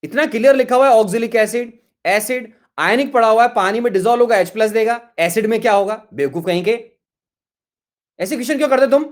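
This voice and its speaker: Exasperated Indian chemistry teacher scolding students. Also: male voice, extremely high pitch, a little fast. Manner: scolding, exasperated, repeats insults. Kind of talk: live online class, scolding students over chat.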